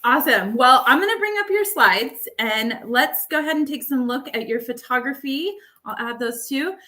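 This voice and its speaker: Bright, chatty woman hosting a livestream. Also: sits high, expressive, moderate pace. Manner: chatty, upbeat, many fillers. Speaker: livestream host. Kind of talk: casual live webinar hosting. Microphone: makeshift microphone.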